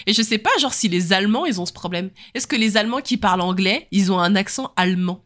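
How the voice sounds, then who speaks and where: Lively Lorraine woman in her thirties. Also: mid-range voice, fast talker. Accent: Lorraine French. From Lorraine, France. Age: 30s. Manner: lively, animated storyteller who laughs often. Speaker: podcast co-host. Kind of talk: casual chat.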